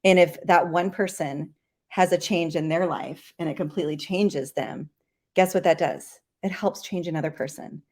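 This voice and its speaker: This is a woman co-hosting a live show, her voice sitting a bit low. She comes across emotional and laughs easily, teasing her co-host as they chat. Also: fairly even intonation, moderate pace, a little mellow.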